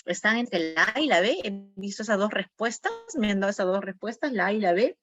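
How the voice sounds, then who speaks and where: A woman's voice: mid-range voice, animated, brisk, fairly bright tone, soft background music. A woman teaching an online class for teachers, going over quiz answers, naming students and repeating key words. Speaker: teacher training instructor.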